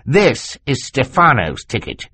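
Guy putting on a fussy excited old snake scientist, voice bouncing up high, a bit husky. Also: no room sound. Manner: excited and fussy, talking fast over others. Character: excitable eccentric older male snake scientist. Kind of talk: audiobook character voice.

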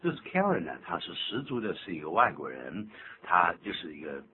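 An older man hosting a radio English lesson, explaining phrases in an animated, teacherly way. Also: low-pitched, fairly quick. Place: radio studio. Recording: tinny lo-fi radio broadcast with faint hum.

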